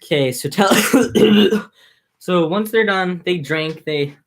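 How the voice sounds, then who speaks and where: A woman's voice: lowish voice, slow pace, creaky. A woman reading an old epic aloud casually, breaking off for chatty, irreverent, self-mocking asides. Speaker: reader.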